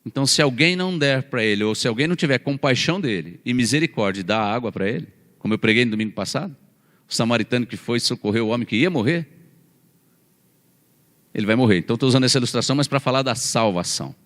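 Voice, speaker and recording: A male pastor giving a sermon in a church with a long, ringing reverb. He talks in a conversational way and keeps asking his listeners questions. His voice sits at an ordinary middle pitch, and he drops in a laugh or a joke now and then. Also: expressive, quick pace, fairly bright tone. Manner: conversational, asks the congregation questions.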